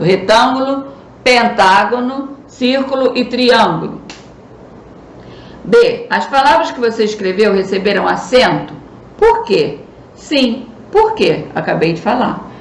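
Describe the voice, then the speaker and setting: A woman's voice: mid-range voice, creaky. A Brazilian woman teacher with a Brazilian Portuguese accent, patiently explaining a recorded school lesson and stressing key words. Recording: echoey room, faint noise.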